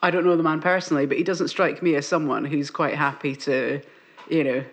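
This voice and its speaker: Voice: mid-range voice, steady tone, brisk, fairly bright tone. An interviewer hosting the conversation, chatty and informal, often restarting questions. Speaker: interviewer host.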